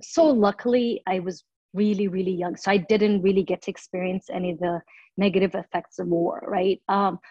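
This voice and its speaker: A woman's voice: mid-range voice, fairly even intonation, moderate pace, a little mellow, dry recording. A woman in her thirties, from Somalia, answering interview questions as a city council candidate, earnest and full of "um" fillers and restarts. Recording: dull lo-fi audio.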